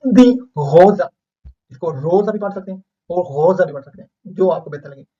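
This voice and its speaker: A man's voice: sits high, mellow, slightly rough. Man patiently drilling words, dull recording. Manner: repeats each word twice, slow and explanatory. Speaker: language teacher. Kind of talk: vocabulary lesson.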